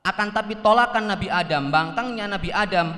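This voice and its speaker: Male interpreter, slightly high voice, repeats and clarifies, long hall reverb. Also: brisk, bright, forceful tone. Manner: repetitive, explanatory restating. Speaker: interpreter for a sheikh. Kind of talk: translating a religious lecture.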